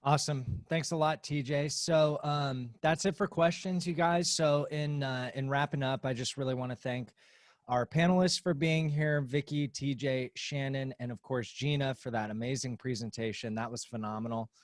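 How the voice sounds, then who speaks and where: A man's voice: mid-range voice, steady tone, normal speed, no echo. Casting: upbeat male webinar moderator, dry close sound. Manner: upbeat, thanking guests. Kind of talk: hosting a webinar Q&A.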